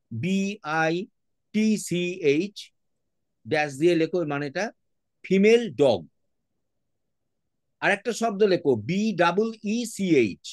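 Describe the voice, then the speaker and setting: Lively Bengali-accented man teaching a class. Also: sits high, no echo. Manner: patient, spells words out letter by letter; mixes English words into his speech. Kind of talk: online class lesson.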